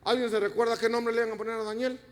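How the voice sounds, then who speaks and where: A pastor delivering an emphatic sermon, addressing the congregation directly and asking them rhetorical questions. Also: male voice, very high-pitched, level tone, rapid-fire. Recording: long reverb of a church hall.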